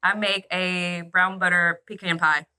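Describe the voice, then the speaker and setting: A woman from Arkansas, a bakery owner, chatting as a guest in a casual interview, upbeat and quick to laugh. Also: on the low side, level tone, very noisy. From Arkansas, USA.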